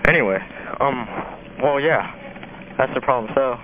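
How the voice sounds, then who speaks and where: A man in casual talk on a payphone call, with loose, halting speech full of fillers. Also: mid-range voice. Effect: talking from a payphone over a phone line. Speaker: phone hobbyist leaving a message. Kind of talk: casual spoken message. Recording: tinny phone line with hiss.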